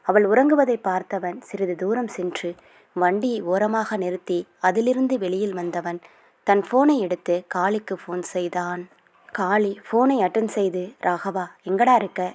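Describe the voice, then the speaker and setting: Calm woman reading a romance novel. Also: mid-range voice, measured pace. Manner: calm, steady storytelling. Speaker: narrator.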